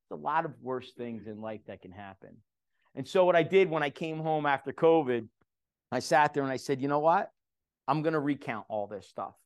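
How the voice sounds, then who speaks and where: A man's voice: medium pitch, smooth. A middle-aged man giving a personal testimony to a men's group, earnest and conversational, repeating himself for emphasis.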